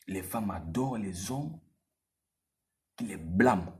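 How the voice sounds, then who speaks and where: A low-voiced man gives casual dating advice straight to the camera. His pitch swings widely, so he sounds animated. He repeats his points and peppers them with street slang. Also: slow pace. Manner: animated, repetitive, street slang, addresses viewer directly.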